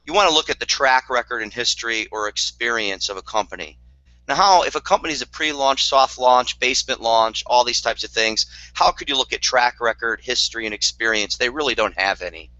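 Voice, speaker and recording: A man's voice: mid-range voice, brisk, pushed and bright, no echo. A man giving a motivational network marketing talk, earnest and repetitive, with dry sarcastic asides, on a dull lo-fi recording.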